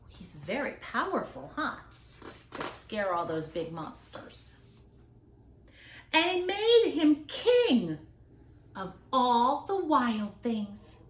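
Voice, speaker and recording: A woman reads a picture book aloud to young children, sing-song and a little high, with chatty asides. Her dramatic, drawn-out delivery stresses key words, and the recording sounds echoey and roomy.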